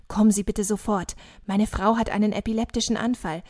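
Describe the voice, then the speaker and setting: A woman's voice: medium pitch, steady tone, a little fast, a little mellow, close to an everyday voice. Woman reading as a shaken doctor husband. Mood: urgent.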